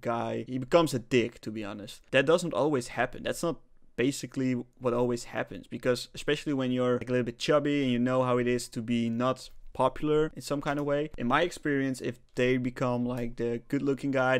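A man's voice: medium pitch, fairly even intonation, fairly quick. A young man casually chatting as a YouTuber, rambling and self-mocking, swearing now and then. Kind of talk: casual vlog commentary.

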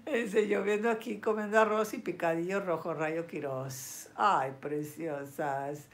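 A woman's voice: fairly low pitch, a little slow. A chatty, affectionate woman, reading viewer comments in a casual live vlog. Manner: chatty and affectionate, lots of diminutives and endearments.

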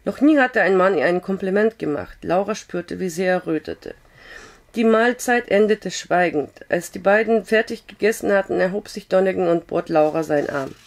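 A hoarse woman calmly reading a novel aloud, with a steady storytelling tone and the odd slip of the tongue. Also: mid-range voice, moderate pace. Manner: calm, steady storytelling with occasional slips. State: hoarse with a cough. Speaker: audiobook reader.

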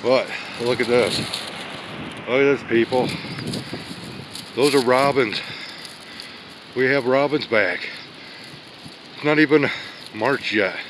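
Speaking slowly with frequent pauses, a medium-pitched man gives casual walking commentary as he wanders small-town streets outdoors in the snow. He's a vlogger on a weather walk, rambling folksy exclamations into a handheld phone camera while the wind buffets the mic.

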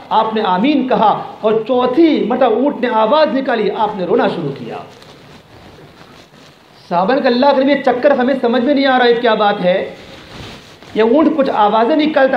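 A high-voiced male preacher tells a religious story emphatically, weaving in Arabic quotations and repeating phrases for effect. The lo-fi recording sounds dull and echoey, with faint noise.

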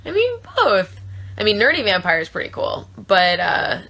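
A woman's voice: medium pitch, huge pitch swings, normal speed, bright, forceful tone. A woman in her twenties from South Florida, answering fan questions in a casual live chat, with lots of thinking-aloud fillers, filmed on a phone held at arm's length in a small room. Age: 20s. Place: small trailer room indoors.

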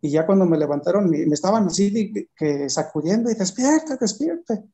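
Man recounting a vision, mellow. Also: on the high side. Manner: halting storytelling with many restarts. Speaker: guest giving testimony. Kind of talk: personal testimony in conversation.

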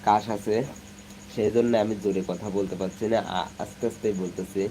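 Young man host, cold-softened low voice, casual chatty live-stream banter, phone mic outdoors with crickets and night noise. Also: fairly even intonation, normal speed, poor audio. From Sirajganj, Bangladesh. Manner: chatty, reads comments aloud, hums song snatches. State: has a cold, speaking softly. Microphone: phone, no external microphone.

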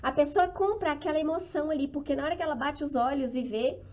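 A Brazilian woman with a high, bright-sounding voice runs a live stream as a flower-arranging instructor. She talks with upbeat, motivational enthusiasm and keeps turning to her audience for agreement while she handles the flowers. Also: fast talker. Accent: Brazilian Portuguese.

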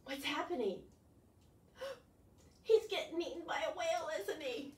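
With a high-pitched voice and lively intonation, a woman in her sixties runs a children's storytime as a librarian, speaking at a measured pace. She hams up the wonder and coaxes the kids with questions, heard through a distant camera mic in a roomy space with faint noise.

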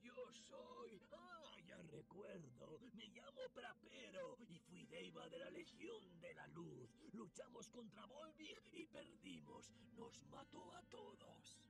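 An actor playing an enslaved undead skeletal warrior in a dubbed video game, with a halting, dramatic delivery. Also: male voice, high-pitched, wildly swooping pitch, gravelly, full character voice. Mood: anguished remembering. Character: enslaved undead skeletal warrior, mournful, once a soldier of light. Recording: game music behind the voice.

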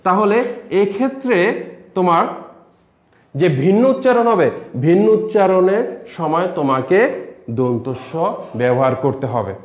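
A man's voice: high voice, animated, unhurried, long pauses, echoey room. A man with a Bangladeshi accent, a college lecturer giving a recorded lesson, explaining step by step and repeating example words.

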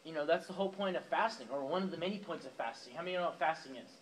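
The audio is poor, with a little hiss or hum, as a young man rattles off a casual youth sermon in rapid-fire fashion. Speaking in a fairly high voice, the youth pastor talks right to the teens in the church youth room audience, using fillers and asides.

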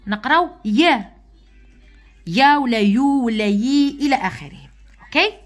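A woman with an Algerian Arabic accent teaching English letter sounds to young pupils in an online lesson, patient, repeating sounds slowly and often checking that they follow. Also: fairly high pitch, fairly bright tone.

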